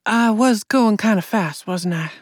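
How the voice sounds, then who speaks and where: Woman narrator doing a shaken crash victim, young, tearful, high and urgent, dry storybook read. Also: measured pace, husky, no echo. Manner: tearful, pleading. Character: frightened injured young woman after a car crash.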